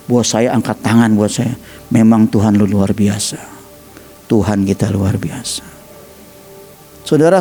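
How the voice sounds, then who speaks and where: A man with an Indonesian accent preaching a sermon, telling stories animatedly and acting out quoted voices. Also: medium pitch. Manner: animated storytelling, acts out quoted voices, addresses listeners as 'saudara'. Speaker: evangelist preacher.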